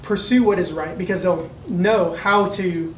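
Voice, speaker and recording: A man's voice: sits high, measured pace. American male moderator, earnest and thoughtful, off-mic in a reverberant room. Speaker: discussion moderator, educator. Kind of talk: thoughtful unscripted discussion. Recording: echoey room, distant mic, faint noise.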